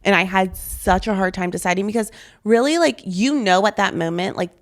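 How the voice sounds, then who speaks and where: A woman's voice: medium pitch, brisk. A young woman co-hosting a podcast, telling stories in casual chat with lots of filler words. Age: young adult. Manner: animated, filler-heavy storytelling. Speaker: podcast co-host.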